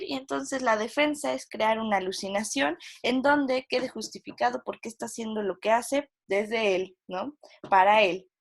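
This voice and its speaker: A woman with a voice on the high side delivers a university psychology lecture. She explains using frequent tag questions and acts out quoted inner voices.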